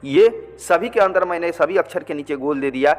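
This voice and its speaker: Male teacher, patient and repetitive, fairly high voice, recorded with a long reverb tail. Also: moderate pace, faint music behind. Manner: patient, repetitive, checks with "ठीक". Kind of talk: blackboard language lesson.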